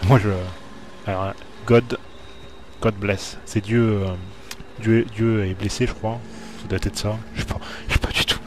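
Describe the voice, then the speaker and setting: A man's voice: lowish voice, flat delivery, measured pace, slight background noise. Jumpy man commenting a horror game. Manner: jumpy, talks to the screen and viewers. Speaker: let's play gamer.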